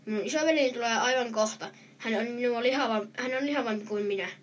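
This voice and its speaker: A woman's voice: fairly high pitch, distant mic, a little hiss or hum, natural voice. A woman reading a storybook, voicing the smallest billy goat, who pleads not to be eaten. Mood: pleading.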